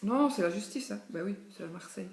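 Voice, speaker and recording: A woman chats casually while she shows a tarot deck card by card, wandering into asides as she thinks aloud. Her voice sits at an ordinary middle pitch. The room around her rings with a clear echo, and a faint noise runs underneath. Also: expressive, quick pace. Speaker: tarot reader presenting a deck. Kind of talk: casual chat while showing cards.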